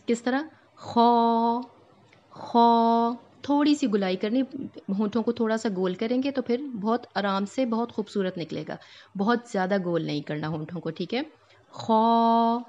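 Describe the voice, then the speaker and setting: A woman's voice: medium pitch, a little mellow, lo-fi sound. A woman teaching Quran recitation rules, patiently explaining each letter and drawing out the sounds to demonstrate. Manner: patient, explains step by step, checks in often. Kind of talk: Tajweed lesson.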